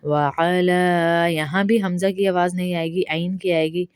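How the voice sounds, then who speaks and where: A woman with a Pakistani Urdu accent teaching pronunciation, explaining quickly and then reciting each phrase slowly as a model. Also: lowish voice, flat delivery, darkish tone, no room sound, studio quality. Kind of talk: step-by-step pronunciation lesson.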